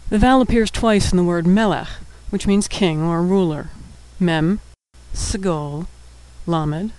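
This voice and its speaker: A man's voice: high-pitched, darkish tone, rough recording. A man with a patient manner, teaching a recorded language lesson and sounding out words syllable by syllable.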